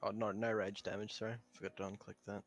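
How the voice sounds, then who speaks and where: A man's voice: lowish voice, level tone, fast, soft background music. A man chatting casually and informally as a player in a tabletop game.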